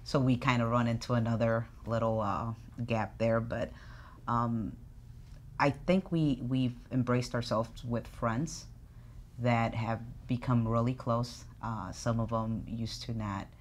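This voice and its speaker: A woman in her forties from Chicago, speaking casually in an interview, telling her family's story frankly with many pauses and fillers. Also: very deep voice, fairly even intonation, a little hiss or hum. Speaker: interviewee, co-parent. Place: living room, sitting on a sofa.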